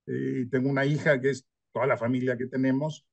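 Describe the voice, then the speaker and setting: A man's voice: mid-range voice, little pitch movement, brisk, creaky, no room sound, lo-fi sound. An older man from Mexico, a historian answering interview questions in a thoughtful way, often ending points with a tag question. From northern Mexico. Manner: thoughtful, frequent tag questions, light self-deprecating humor. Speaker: historian guest.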